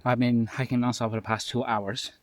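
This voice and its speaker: Here a lone hiker speaks briskly in a flat, mid-range voice, sounding nasally and a little tired. He rambles self-mockingly for his casual trail diary on a rainy forest path, with a stream and woodland ambience behind him and no echo.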